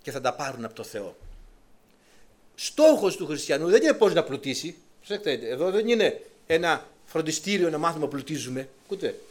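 A middle-aged male preacher delivering a sermon with great emphasis. His fairly high voice swings widely, climbing to urgent peaks and then sinking back down. He exhorts his listeners directly. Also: very animated. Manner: emphatic preaching, voice rising and dropping sharply.

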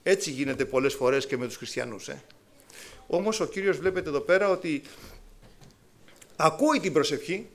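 Frequent pauses mark this man's animated sermon to his congregation, delivered in a fairly high voice. He acts out the voices of biblical people, with sudden rises and drops.

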